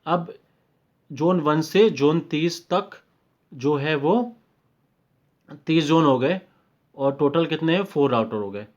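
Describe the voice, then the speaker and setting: An Indian man working as a technical trainer gives an informal step-by-step tutorial in a slightly high, somewhat mellow voice, slipping in English terms as he goes. He speaks slowly with long pauses, explaining and repeating each step and frequently checking in with short confirmations. The recording has a dull, muffled lo-fi microphone sound.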